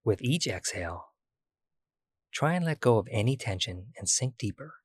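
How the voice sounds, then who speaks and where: A man guiding a body-scan meditation, speaking slowly and soothingly with long pauses. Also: mid-range voice, animated, a little mellow, slightly rough, no room sound, clean studio sound. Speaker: meditation guide.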